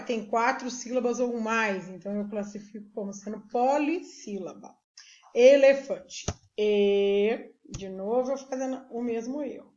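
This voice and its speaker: Slow, syllable-spelling woman teacher, echoey. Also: on the high side, darkish tone. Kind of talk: recorded literacy lesson. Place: remote classroom video recording. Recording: echoey room, dull lo-fi sound.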